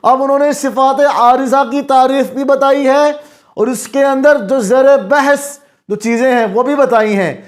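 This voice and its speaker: Male recitation teacher, very high voice, self-answering questions, slow chanted examples. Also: fairly even intonation. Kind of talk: explanatory lesson.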